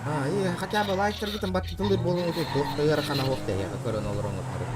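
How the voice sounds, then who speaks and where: A man chatting casually on a game stream, brash and quick to swear. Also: a little high, heavy background noise. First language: Yakut. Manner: brash, combative, heavy swearing.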